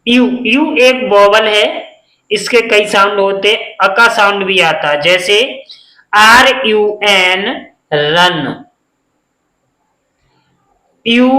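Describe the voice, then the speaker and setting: A man's voice: high-pitched, pushed and bright, echoey room, poor audio. A man teaching a beginners' phonics lesson, spelling words letter by letter and answering his own questions.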